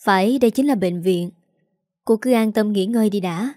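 A woman voicing a gentle, caring hospital nurse. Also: mid-range voice, moderate pace, no echo, clean studio sound, lightly acted. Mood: concerned. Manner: gentle, quiet.

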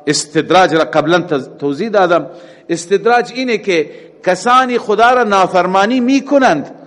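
A middle-aged man giving a verse-by-verse scripture lesson. He chants each verse slowly, then explains it in casual everyday speech. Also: high-pitched. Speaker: Quran teacher. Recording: long reverb, like a mosque hall.

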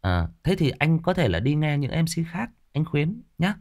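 Addressing a commenter without a script, a male audiobook narrator with a Northern Vietnamese accent answers defensively, repeating himself. His pitch is lively and his pace moderate, and he often uses fillers and starts over.

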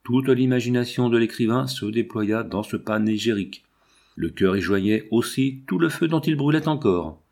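A man narrating a classic novel as an audiobook in a measured, expressive way. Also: mid-range voice, gravelly.

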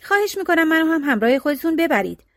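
Meek young peasant hero, read by a woman, pleading, calling out, fairly high voice, storybook reading. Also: big pitch swings, dry recording, clean studio sound.

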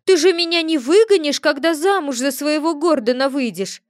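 A woman voicing a greedy, excitable male cat familiar who whines and protests loudly. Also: high-pitched, moderate pace, no echo, clean studio sound, pitched above the performer's own voice, close to an everyday voice. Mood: indignant. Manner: whiny, indignant, loud.

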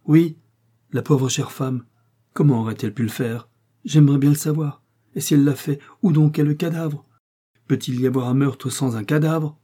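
A man reading an audiobook aloud and voicing a timid, flustered old innkeeper who stammers and frets, in a husky, dark voice, higher than his own. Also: normal speed, close to an everyday voice. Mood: indignant. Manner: stammering, fretful and pleading.

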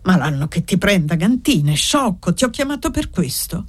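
A woman's voice: lowish voice, very animated, moderate pace, breathy edge. A woman reading aloud, voicing a proud young foundling woman who answers in harsh, curt retorts.

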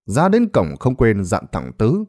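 A man's voice: lowish voice, wildly swooping pitch, a little slow, darkish tone. A man reading a ghost story aloud in a dramatic storytelling manner. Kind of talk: scripted narration.

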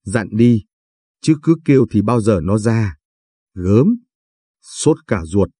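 A man's voice: on the low side, expressive, slow, dark tone, husky, no room sound, heavily acted. A man voicing an older village midwife woman who speaks impatiently and scolds. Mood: scolding. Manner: scolding, matter-of-fact.

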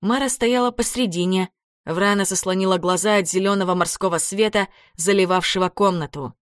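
Woman narrator, audiobook, expressive, mid pitch, dry close recording. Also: fairly quick, no room sound. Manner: dramatic, expressive.

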